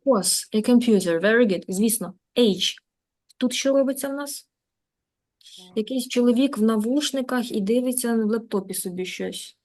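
A Ukrainian woman teaching a beginner English class online, in a lively, coaxing manner, repeating words to drill pronunciation. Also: fairly high pitch, normal speed. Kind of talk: live online lesson.

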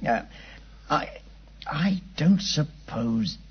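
An actor playing a weary, deferential British police inspector in a 1950s radio drama, chatty and raspy. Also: male voice, fairly high pitch, animated, very slow, heavily acted. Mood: hesitant, wistful. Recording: dull, muffled 1950s radio recording.

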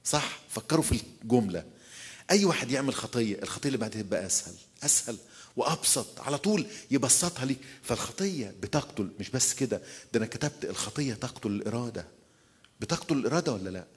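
Very husky fast-talking Egyptian preacher man. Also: mid-range voice, expressive. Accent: Egyptian Arabic. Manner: repeats key phrases and asks the listeners rhetorical questions. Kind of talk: sermon at a church retreat.

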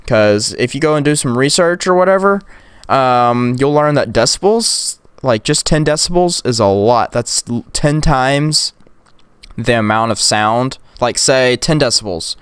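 A young man with a clean, mid-range voice casually walks through a screen-recorded tech tutorial, rambling with lots of "like" and "um." The recording is dry, made on a close USB condenser mic, and he drops to whispers and yells during demos.

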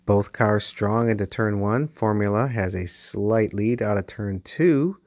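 A man giving play-by-play commentary on toy car races as the channel host, with bursts of excitement at close finishes. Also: on the low side, unhurried, no room sound. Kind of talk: race commentary. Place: basement with toy race track.

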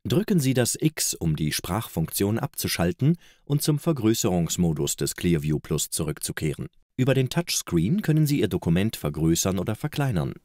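A man's voice: low voice, big pitch swings, normal speed, few pauses, a little mellow, dry recording. A man reading scripted promotional narration as the narrator of a product video, recorded close in a studio. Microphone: close studio voice-over microphone.

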